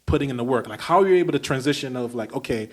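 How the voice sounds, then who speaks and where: A man's voice: medium pitch, expressive, very fast. A male podcast host from Brooklyn, talking in an easygoing, chatty way. He asks long, winding questions with a lot of enthusiasm and keeps the conversation loose and friendly. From Brooklyn, New York. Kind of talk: casual interview chat.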